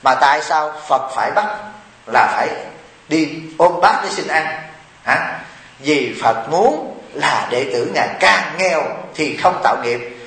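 A man's voice: a little high, lively intonation, unhurried, sharp tone, roomy sound. A man, a Buddhist monk and abbot giving a humorous dharma talk to lay followers and often asking them "right?".

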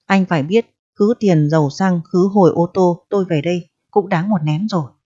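A woman's voice: fairly low pitch, moderate pace, mellow, lightly acted. A woman voicing a stern, greedy male district mandarin who speaks in a cold, haughty way. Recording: dry, dull lo-fi recording.

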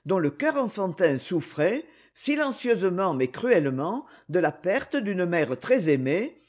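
A woman reads a classic novel aloud in an expressive narrating voice. Her tone is somewhat husky, and her pitch moves in a lively way through the sentences. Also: a little slow. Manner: expressive reading. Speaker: audiobook narrator.

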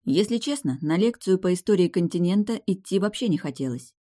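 A woman reading a first-person fantasy novel aloud as an audiobook narrator, in a steady, wry storytelling manner. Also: lowish voice, brisk.

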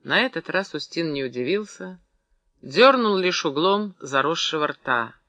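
A man reading a novel aloud as audiobook narrator, measured and expressive. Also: fairly high pitch, no room sound.

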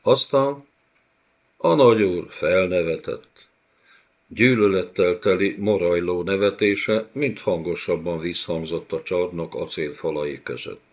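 A man narrating a fantasy novel in a measured, descriptive style, in a dull lo-fi audiobook recording. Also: deep voice.

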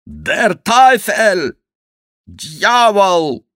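A man's voice: fairly high pitch, expressive, moderate pace, sharp tone, dry recording, clean studio sound, voice pushed up. A man voicing a bold young courtier who blusters and swears. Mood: raging. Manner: blustering, exclamatory. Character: bold young male courtier, swaggering, given to German oaths.

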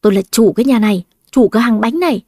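Casting: calm young male baker, reasoning and soothing, mellow and higher than most, dry close read, as a woman narrator puts him on. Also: rapid-fire, no room sound. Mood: defensive. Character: young man, calm baker who took over the shop.

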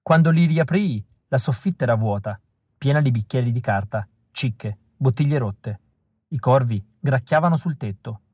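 A man narrating a literary audiobook in a calm, measured, reflective way. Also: medium pitch, breathy edge, no echo.

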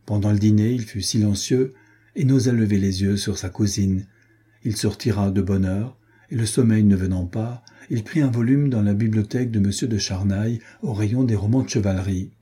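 A man narrating a historical novel as an audiobook, measured and steady. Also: fairly low pitch, husky. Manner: measured, storytelling. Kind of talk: scripted narration.

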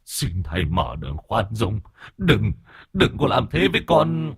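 A man voicing a pleading, groveling male hungry ghost in a ghost story, with a husky, breathy, drawn-out wail. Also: fairly low pitch, wildly swooping pitch, fairly bright tone, no room sound, studio quality, heavily acted. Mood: begging. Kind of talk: audio ghost story narration.

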